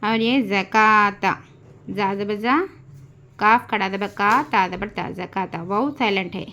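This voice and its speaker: Woman, Urdu accent, Quran reading teacher, slow recitation lesson, spells letters aloud, mid-pitched, lo-fi recording. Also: steady tone, sharp tone. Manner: spells letters and vowel marks aloud, drawn out. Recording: dull lo-fi home recording, faint hiss.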